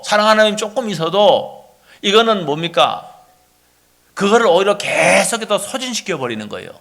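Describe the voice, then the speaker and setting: A middle-aged male pastor preaching a sermon, animated, often asking the congregation rhetorical questions. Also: high voice.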